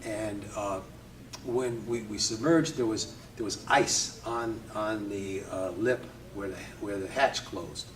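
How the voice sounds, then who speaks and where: An older man from Connecticut, a Navy veteran, reminisces in an easygoing interview, often chuckling and pausing with hesitations. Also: on the low side, steady tone, a little hiss or hum. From Connecticut, USA. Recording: roomy, distant from mic, faint ambience.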